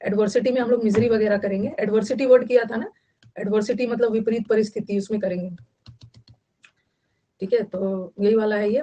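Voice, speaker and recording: Lady teacher, fairly high voice, mixes hindi in, keeps repeating words and asking the class. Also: dark tone, low-quality recording. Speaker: English vocabulary teacher. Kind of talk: online class lecture.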